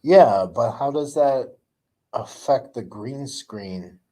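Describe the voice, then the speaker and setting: A man's voice: mid-range voice, animated, takes it slowly, mellow. A man hosting a casual live chat, telling rambling stories with lots of groans and fillers.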